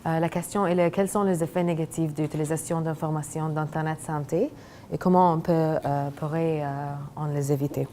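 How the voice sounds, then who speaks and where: Young woman, foreign accent in French, low mellow voice, hesitant academic presentation, halting non-native phrasing. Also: steady tone, a little hiss or hum. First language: not French. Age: young adult. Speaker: graduate student presenting research. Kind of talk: academic presentation of a thesis project.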